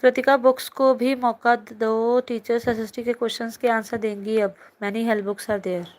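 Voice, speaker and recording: A fairly high-voiced young woman teaches a live class into her phone. She reads out students' chat messages and answers them with chatty, teasing remarks. Her talk moves between casual banter and quick explanations. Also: flat delivery, darkish tone. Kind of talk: live online class, reading chat comments.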